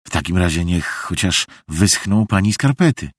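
Man voicing a calm grown-up mother, quiet and measured, slightly husky, dry close sound. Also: deep voice, no echo.

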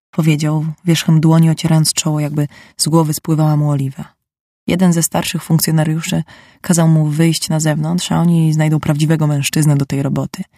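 Woman, audiobook narrator, first-person literary reading, dark husky voice, gravelly edge. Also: low-pitched, no room sound, studio quality.

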